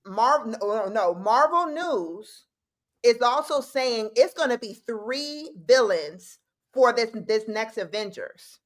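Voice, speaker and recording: Excitable woman co-hosting a fan podcast. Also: fairly high pitch, takes it slowly. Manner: excitable, talks in bursts with restarts. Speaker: co-host. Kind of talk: casual fan chat on a podcast.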